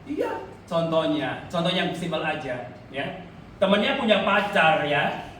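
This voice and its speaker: A man's voice: a little high, big pitch swings, measured pace, a bit bright, slight background noise. A male evangelist preaching a sermon in a church, colloquial and joking, often calling out to the congregation. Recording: echoey church hall, mic far off, faint ambience.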